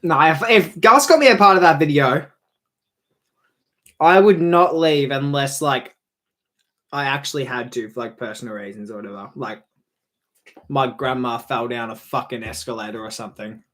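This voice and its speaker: A young Australian man calls a football match on a live stream, chatty and rambling, swearing freely and getting louder on goals. He has a mid-range voice, speaks at normal speed, and pauses often.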